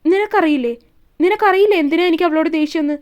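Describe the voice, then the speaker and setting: A woman's voice: very high-pitched, quick pace, a little mellow. A woman voicing a jealous young woman who speaks sharply and resentfully, in a romance story reading.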